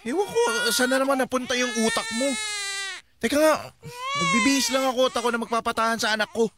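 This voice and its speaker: A man's voice: mid-range voice, expressive, moderate pace, very noisy, close to an everyday voice. A man playing a worried, protective young father. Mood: frantic. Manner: pleading, then frantic shouting. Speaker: husband and father in a radio drama. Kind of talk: radio drama acting. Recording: radio drama with loud music underscore.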